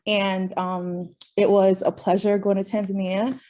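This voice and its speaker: A woman's voice: medium pitch, level tone, a little slow, mellow. Cheerful young woman on a video call. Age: young adult. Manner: cheerful, giggly with fillers. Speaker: club secretary. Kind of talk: self-introduction on a video call.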